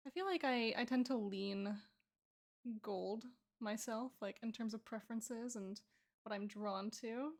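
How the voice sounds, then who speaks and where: A woman's voice: fairly high pitch, a little slow. A woman art streamer chatting casually and playfully while she draws, joking and laughing with her viewers. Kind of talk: casual chat while drawing.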